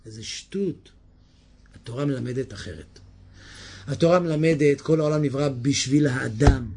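A man giving a Torah sermon in an animated way, moving from hushed asides to shouted lines and often asking his listeners questions. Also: mid-range voice, slight background noise. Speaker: preacher.

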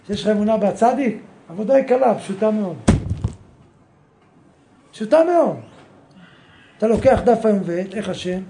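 High-voiced man preaching animatedly, echoey. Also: vocal fry, hardly any pauses, noisy background. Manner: animated, acts out quoted voices, bursts into exclamations. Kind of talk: Torah sermon to a group.

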